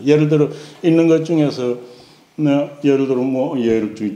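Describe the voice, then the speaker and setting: A man teaching classical texts, chanting slowly in a sing-song, then explaining with many fillers. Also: mid-range voice, dark tone. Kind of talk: chanted reading and lecture. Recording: echoey room, faint ambient hiss.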